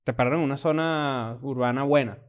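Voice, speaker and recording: A man's voice: mid-range voice, a little fast, smooth. A Venezuelan man co-hosting a podcast, talking in emphatic, slangy casual chat. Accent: Venezuelan Spanish. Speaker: podcast co-host.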